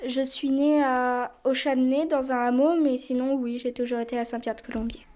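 A woman's voice: sits high, steady tone, fairly quick, a little mellow. A schoolgirl carefully reading out her prepared answers. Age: child. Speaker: schoolchild correspondent.

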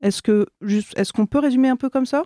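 A woman hosting a panel discussion, putting questions to her guests and speaking in a halting, prompting way. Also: fairly high pitch, warm tone, dry recording, clean studio sound. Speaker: host.

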